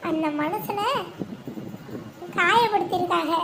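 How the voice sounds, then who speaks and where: Woman voicing a hushed, confiding village wife. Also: extremely high pitch, slow, full character voice. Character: worried young village wife, loyal to husband. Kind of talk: cartoon voice acting. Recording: steady background noise.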